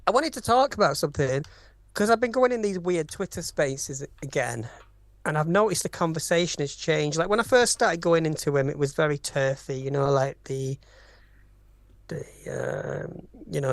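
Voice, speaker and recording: A woman's voice: low voice, normal speed, gravelly, dry recording. A woman co-hosting a live chat podcast, talking in an emphatic, opinionated way and swearing now and then. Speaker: podcast co-host.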